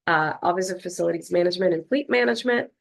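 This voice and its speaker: A woman leading a health department, presenting slides to a board over a video call in a measured way with frequent fillers. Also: lowish voice, gravelly, low-quality recording. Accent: Philadelphia. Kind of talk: formal online meeting presentation.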